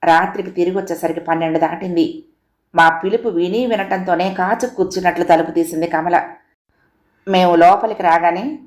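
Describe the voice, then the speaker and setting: A woman with a lowish voice narrates a short story in a calm, even way. Her reading is scripted and steady. The recording carries a roomy echo.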